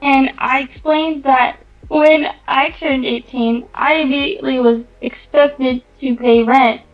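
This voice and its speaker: A young woman reading a story aloud slowly and chatting casually as a guest. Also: high-pitched, steady tone. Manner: slow, measured reading. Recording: dull lo-fi mic with music behind.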